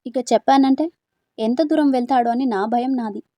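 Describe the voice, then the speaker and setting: Tara is a timid, tearful young student in a spoken storybook, hesitant and unsure of her own feelings, voiced by a woman narrator. Her voice sits a little high and warm, with a dry close sound. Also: normal speed, dry recording, close to an everyday voice. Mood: hesitant, sad.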